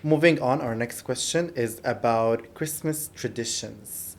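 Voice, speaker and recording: A man hosting a podcast, putting friendly questions to a guest in a relaxed interview. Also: medium pitch, measured pace. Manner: friendly, question-led, occasional restarts. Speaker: podcast host. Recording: faint background noise in a studio.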